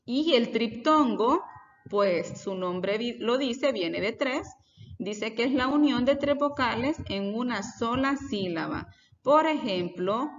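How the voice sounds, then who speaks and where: A woman teacher with a fairly high voice speaks slowly and deliberately in a recorded class lesson, explaining step by step and asking the class questions. The lo-fi sound is reverberant and dull, with faint music.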